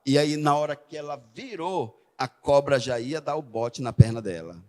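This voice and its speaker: A man's voice: medium pitch, moderate pace, a little mellow. A middle-aged man preaching a sermon, telling stories in a chatty way and often checking in with the congregation. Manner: conversational, frequent "né?" tag questions. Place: church sanctuary. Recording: long church hall reverb.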